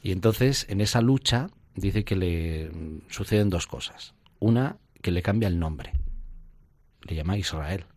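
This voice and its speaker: Deep-voiced priest telling stories. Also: male voice, unhurried, a little mellow. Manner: storytelling, acts out scenes with sound effects. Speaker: priest guest. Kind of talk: reflective spiritual conversation.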